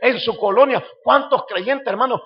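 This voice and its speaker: A male pastor with a Salvadoran Spanish accent preaches with fervor and calls out to his congregation. His voice sits notably high for a man. He acts out the people he quotes. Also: moderate pace, muffled recording. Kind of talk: sermon.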